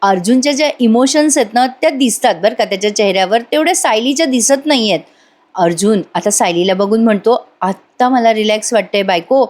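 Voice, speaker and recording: A woman's voice: fairly high pitch, animated, fairly quick, darkish tone. A woman, chatting through a voice-over retelling of a TV serial episode and acting out the characters' lines. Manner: chatty, asides to the audience, acts out dialogue in a raised voice.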